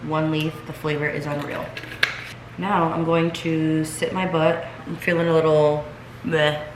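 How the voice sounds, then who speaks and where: A congested woman with a low voice, recovering from illness, chats straight to her viewers in a casual vlog, first in her home kitchen and then seated elsewhere at home. She speaks a little slowly in a level tone, full of filler words. The room is echoey, with noticeable background noise.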